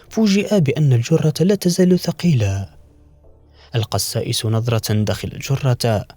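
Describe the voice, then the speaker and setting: A man's voice: mid-range voice, mellow. A man narrating a scripted bedtime folktale as a storyteller, with formal, classical diction. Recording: roomy echo with faint music. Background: faint background music.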